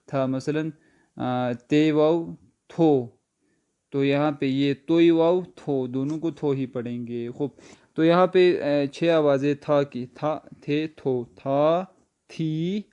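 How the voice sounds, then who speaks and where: A man teaching an online language lesson. He asks his students questions, answers them slowly and spells words out letter by letter, with many hesitation sounds along the way. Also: fairly high pitch, warm tone, clear, resonant tone, muffled recording.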